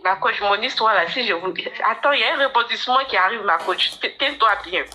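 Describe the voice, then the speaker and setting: A woman's voice: a little high, lively intonation, fairly quick, bright, forceful tone. A woman caller telling her own story to a coach, hesitant, often repeating words and restarting. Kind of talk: casual storytelling chat.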